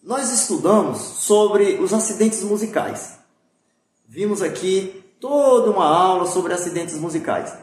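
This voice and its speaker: A man's voice: high-pitched, animated, unhurried. Man teaching music in an echoey room. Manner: patient, repetitive explaining with frequent "pessoal" and "tá?". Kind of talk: recorded video lesson.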